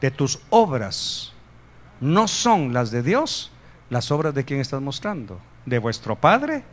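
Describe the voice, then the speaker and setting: A man from Guatemala preaching a sermon, animated, jumping to loud emphasis and joking asides with the congregation. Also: mid-range voice, slow, a little hiss or hum. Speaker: pastor.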